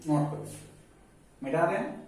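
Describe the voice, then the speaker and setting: A man's voice: on the high side, lively intonation, a little slow, darkish tone. A man teaching physics, repeating key terms and quizzing his students. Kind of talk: whiteboard lecture. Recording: echoey room, voice from far off.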